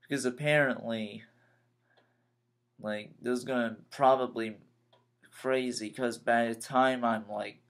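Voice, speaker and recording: A nineteen-year-old man talking in a rambling personal vlog, halting and repeating himself as he vents his frustrations. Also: mid-range voice, steady tone, fairly bright tone. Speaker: vlogger.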